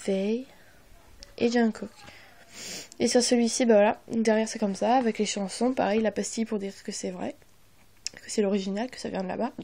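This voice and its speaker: A woman's voice: medium pitch, steady tone, moderate pace, gravelly, pauses often, warm tone. A young woman narrating a casual unboxing, hesitant and apologetic, with many fillers, often dropping to a half-whisper, recorded on her phone. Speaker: vlogger.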